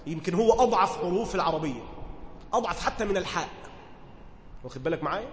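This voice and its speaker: High-voiced Egyptian man teaching in an echoey hall. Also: expressive, fast, a little hiss or hum. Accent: Egyptian Arabic. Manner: conversational, asks listeners questions to check understanding. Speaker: teacher explaining Quran commentary. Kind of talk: religious lesson, reading text then explaining in dialect.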